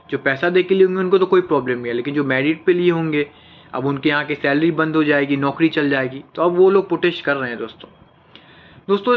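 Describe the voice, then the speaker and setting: A man's voice: a little high, highs cut off. Earnest man giving casual news commentary. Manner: earnest, addresses viewers as friends.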